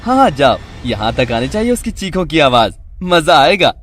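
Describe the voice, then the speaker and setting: A performer voicing a cruel, callous father in a storybook drama, in a lowered, gloating voice. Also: sing-song, moderate pace.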